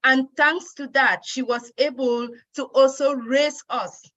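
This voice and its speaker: A woman's voice: high voice, steady tone, slow pace, fairly bright tone, muffled recording. A woman from Cameroon giving an earnest, grateful personal speech at a women's day event.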